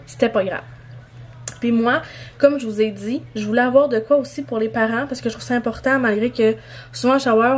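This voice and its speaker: A woman's voice: fairly high pitch, darkish tone, a little hiss or hum. Chatty young Québécois woman vlogging. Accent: Québécois French. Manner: chatty, rambling, many fillers. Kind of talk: casual vlog showing purchases.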